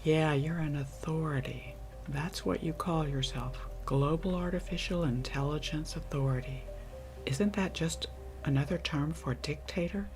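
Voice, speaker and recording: Woman as a skeptical scientist, ASMR role-play over loud music. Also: sits low, measured pace. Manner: questioning, dry, challenging. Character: skeptical, sardonic scientist, creator of an AI.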